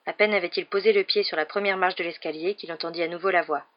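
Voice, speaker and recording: Low-voiced woman reading an audiobook. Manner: steady measured reading. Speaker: audiobook reader. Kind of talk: audiobook narration. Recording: dull lo-fi recording.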